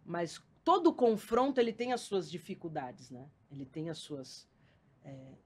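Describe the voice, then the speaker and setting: Animated woman telling a story. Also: on the low side, a little slow, slightly rough. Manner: lively, slangy storytelling with acted-out quotes. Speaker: school lecturer, podcast guest. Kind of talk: casual storytelling conversation.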